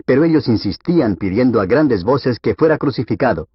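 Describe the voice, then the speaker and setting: A man reading scripture aloud for an audiobook in a steady, measured way. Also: medium pitch, breathy edge, dry recording. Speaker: Bible reader. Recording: dull, lo-fi dry recording.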